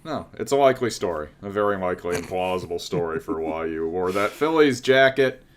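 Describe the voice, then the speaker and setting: A man in his late thirties with a low-pitched, animated voice talks a little fast, with a bit of hiss or hum in the audio. Co-hosting a podcast, he chats casually and teases with dry sarcasm.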